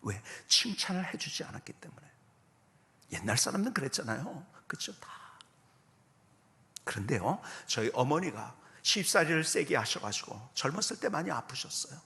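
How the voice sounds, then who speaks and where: A man in his fifties, a guest pastor giving a revival sermon with personal testimony, swinging from loud exclamations to soft whispers and asking the congregation questions. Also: on the high side, very animated, normal speed, gravelly. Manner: addresses congregation directly with questions.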